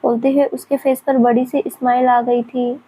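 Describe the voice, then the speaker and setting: A woman narrating a romance story in a steady, even reading. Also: on the high side, normal speed, a little hiss or hum, rough recording.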